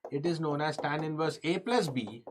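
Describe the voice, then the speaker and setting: A man's voice: on the high side, normal speed, slight background noise. A man with a North Indian accent lecturing in a live online class, repeating key phrases, putting questions to students and slipping Hindi into his English. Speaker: engineering exam lecturer. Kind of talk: live online lesson, explaining step by step.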